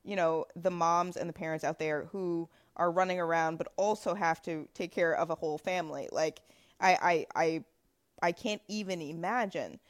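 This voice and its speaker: A woman's voice: lowish voice, normal speed. A woman hosting a casual podcast conversation, talking in a chatty way with many fillers. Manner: chatty, frequent fillers and laughs. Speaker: podcast host.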